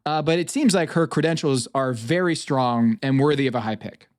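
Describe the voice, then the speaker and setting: A man from New England hosts a podcast, casually talking through fantasy draft picks at a medium pitch and moderate pace. He sounds hesitant, dropping frequent ums and uhs.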